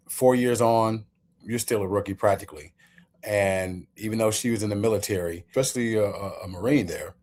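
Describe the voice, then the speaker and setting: A man's voice: lowish voice, darkish tone. A male host giving opinion commentary, emphatic and walking the listener through his points step by step.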